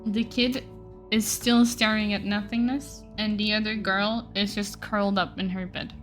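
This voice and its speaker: A woman narrating a tabletop game as game master in a casual, animated way. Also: medium pitch, moderate pace, faint music behind.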